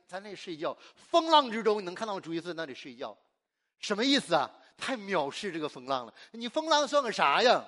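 Preacher, male, from China; high, very lively voice; emphatic call-and-response sermon style. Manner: call-and-response, asks the congregation and answers himself; exuberant and emphatic, laughs often.

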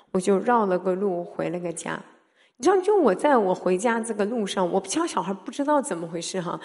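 A woman in her thirties preaches her personal testimony as a sermon, telling it animatedly and swinging from soft speech to loud, emphatic calls. Her pitch is medium, and she mixes in English words.

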